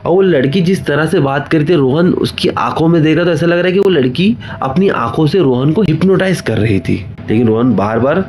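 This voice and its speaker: A man's voice: a little high, expressive, fairly quick, few pauses, a little mellow. A man telling a horror story in a loose, conversational way, with repetition and restarts. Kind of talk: casual spoken horror narration.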